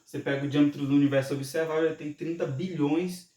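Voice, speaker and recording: A man's voice: a little high, fairly even intonation, fast, a little mellow. A man teaching a casual science lesson, talking informally and often checking in with the listener. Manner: informal, frequent "né?" tag questions and restarts. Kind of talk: explanatory lesson. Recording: echoey room, voice from far off mic.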